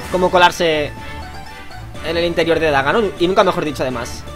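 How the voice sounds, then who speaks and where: A man's voice: on the high side, brisk. A young man with a Spain Spanish accent, casually commenting on a video game, joking and crude as he reads lines aloud. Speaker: gamer. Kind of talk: casual let's play commentary. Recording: game music in the background. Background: game music.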